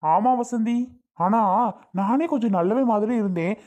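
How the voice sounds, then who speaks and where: A woman's voice: mid-range voice, normal speed, warm tone, natural voice. A worried cartoon husband, voiced by a woman, weak-willed and guilty. He frets and hesitates over every step, in a plain mid-range voice. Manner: fretful, hesitant. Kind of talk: cartoon voice acting.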